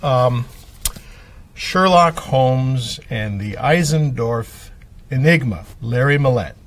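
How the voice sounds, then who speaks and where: A man's voice: mid-range voice, animated, takes it slowly. Guy rattling off book titles with lots of ums, kinda far from the mic. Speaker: librarian guest. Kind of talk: casual radio chat.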